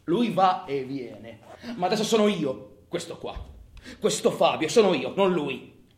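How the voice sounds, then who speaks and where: With a slightly high voice that's animated yet a little slow, a man plays a defiant, tormented and volatile criminal who taunts and curses himself. He's foul-mouthed, lurching abruptly from murmurs to outbursts in a theatrical radio stage monologue. The sound is echoey and roomy, with faint background noise.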